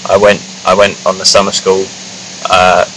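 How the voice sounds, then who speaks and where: Young male guest from New Zealand, very low voice, laid-back, outdoor noise clearly behind. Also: moderate pace, rough recording. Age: young adult. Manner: relaxed, rambling, fills with "like" and "kinda". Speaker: guest, engineering student. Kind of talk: casual interview. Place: outdoors in a grassy field.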